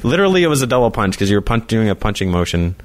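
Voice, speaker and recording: A man's voice: on the low side, very animated, rapid-fire. A man joining a podcast as guest over a remote call, teasing the host and laughing often. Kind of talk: casual podcast chat.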